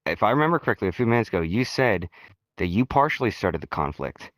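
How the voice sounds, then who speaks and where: A man's voice: lowish voice, big pitch swings, fast talker, fairly bright tone, dry recording. A man in a casual voice chat, asking probing questions with stammering restarts.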